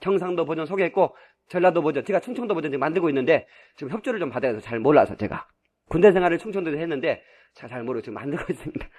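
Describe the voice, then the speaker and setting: A male pastor preaching a sermon with fervor. He swings between quiet asides and loud, shouted peaks, and he chuckles often as he makes his points. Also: on the high side, lively intonation, rapid-fire.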